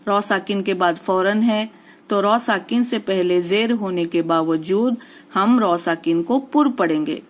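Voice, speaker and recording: A woman teaching recitation in an unhurried, drawn-out way, spelling out letters and vowel marks one by one. She repeats each word twice and keeps checking in with the listener. Her voice sits at an ordinary pitch. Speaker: Quran reading teacher. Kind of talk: step-by-step recitation lesson.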